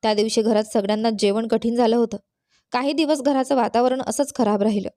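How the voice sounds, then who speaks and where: A woman storyteller reading a moral tale in a steady, even manner. Her voice is fairly high yet mellow, recorded dry and close with no room sound. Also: brisk, no room sound. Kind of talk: scripted narration of a moral story.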